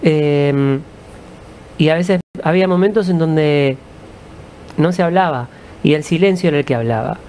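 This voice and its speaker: A man with an Argentine accent, a musician guest, answering in a calm, reflective storytelling way. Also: on the high side, measured pace, long pauses, slight background noise. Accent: Argentine Spanish.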